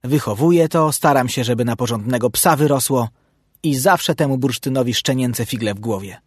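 A man's voice: mid-range voice, moderate pace, slightly rough, no room sound, clean studio sound, lightly acted. A man voicing a stern, self-important grown male dog who scolds a younger pup, in a storybook reading. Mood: scolding.

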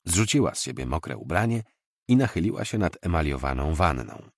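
Deep-voiced, expressive male narrator. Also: gravelly, no echo, studio quality. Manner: expressive, measured storytelling. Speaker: audiobook narrator. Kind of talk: novel reading.

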